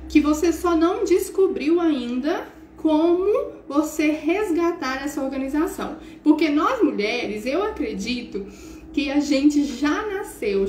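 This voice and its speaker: A middle-aged woman with a Brazilian Portuguese accent, an English teacher giving a chatty, animated motivational talk. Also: high voice. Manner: animated, chatty, acts out scenes. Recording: roomy echo, faint hiss.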